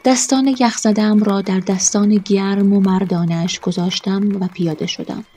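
A woman narrating a first-person story in a quiet, measured way. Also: mid-range voice, husky.

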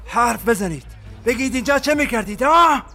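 A harsh interrogator taunts and threatens his prisoners, as a man plays him. The voice is high-pitched, with faint music under it in this radio drama. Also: lively intonation. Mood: taunting. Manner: taunting, bullying. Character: harsh male rebel interrogator.

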